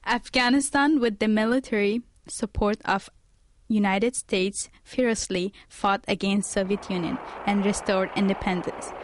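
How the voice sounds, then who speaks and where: A woman giving measured, formal, scripted documentary narration. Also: mid-range voice, steady tone.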